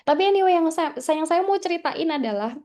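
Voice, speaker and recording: A woman's voice: very high voice, lively intonation, fast, darkish tone. A young adult woman from Indonesia, chatting as a guest speaker at an English class, with many fillers and English words mixed in. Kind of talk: storytelling talk to students.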